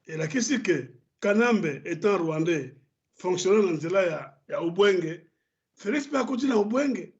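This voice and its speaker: Congolese male pundit, high and heated, stammering restarts, dull lo-fi broadcast sound. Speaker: political commentator. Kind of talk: studio debate commentary.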